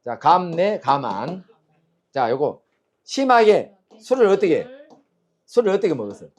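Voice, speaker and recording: Animated man drilling tones in a lesson. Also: a little high, a little slow. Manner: quizzing questions, drills tones aloud. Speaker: Chinese character teacher. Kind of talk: classroom lecture with call-and-response.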